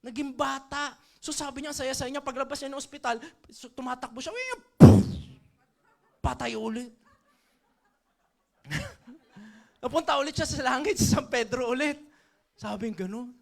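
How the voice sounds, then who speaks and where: A man leading a seminar for an audience, telling a comic story in a playful, animated way and drawing the crowd in. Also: very high voice, moderate pace, creaky, long pauses. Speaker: motivational trainer. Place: training event before an audience.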